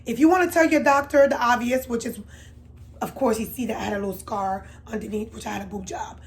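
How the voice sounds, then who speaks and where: A woman telling a candid storytime to her viewers, chatty and confiding, swinging from loud emphatic bursts to low murmurs. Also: fairly even intonation, quick pace. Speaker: beauty vlogger. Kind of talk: storytime vlog.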